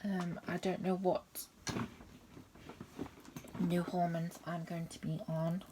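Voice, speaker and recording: A woman telling a personal story as a vlogger, rambling and repeating herself, often slipping into soft half-whispers. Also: on the low side, level tone, takes it slowly, noisy background.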